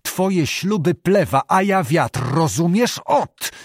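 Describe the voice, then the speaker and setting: A man reading an audiobook, voicing a hot-tempered, domineering old abbot who blusters and shouts. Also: fairly high pitch, sing-song, takes it slowly, no room sound, clean studio sound, full character voice. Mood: angry.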